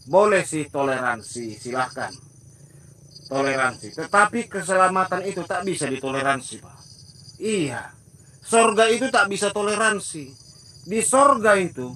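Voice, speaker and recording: A man's voice: high-pitched, pushed and bright, slight background noise. A male evangelist giving emphatic preaching commentary, often turning to his listeners as brothers and acting out mocking dialogues.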